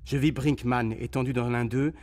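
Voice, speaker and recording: A man giving an expressive, dramatic reading of a war memoir for radio, voicing the sounds of shells and cries. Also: mid-range voice, moderate pace. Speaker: reader on a radio documentary.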